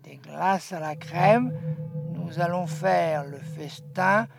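A low, gravelly, hushed voice , voiced by a woman, delivers a sly secret message in a storybook recording. She speaks very slowly and conspiratorially, over clear music. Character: eccentric candy maker's secret message, hushed and scheming. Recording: music behind.

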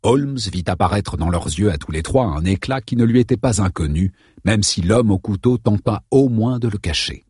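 A man reading a novel aloud as an audiobook narrator, in a steady, measured way. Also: fairly low pitch, breathy edge, no echo, clean studio sound.

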